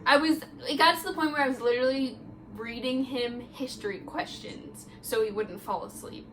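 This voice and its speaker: A woman's voice: high voice, moderate pace, background noise. Chatty young woman telling a story. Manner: chatty storytelling, lots of "like" fillers. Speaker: vlogger. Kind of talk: casual chat.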